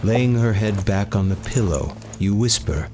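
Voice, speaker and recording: A man narrating a story in the second person as game master, calm and steady. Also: lowish voice, measured pace. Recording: faint music behind.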